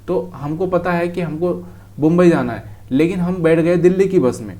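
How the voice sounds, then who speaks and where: A man's voice: a little high, moderate pace, dark tone. A man teaches trading over a chart in a casual, direct way, calling the viewer brother. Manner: talks straight to the viewer, calls them brother.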